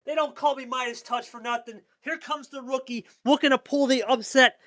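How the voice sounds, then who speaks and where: Very high-voiced and a bit bright, a man delivers live play-by-play and player interviews for a card game match at a moderate pace with fairly even intonation, hyping things up and repeating phrases for emphasis. It's clean studio sound with no room noise.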